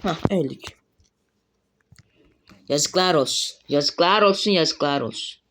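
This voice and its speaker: A man giving live gameplay commentary as a mobile game streamer, excitable and swearing often when frustrated. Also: on the high side, takes it slowly, slight background noise.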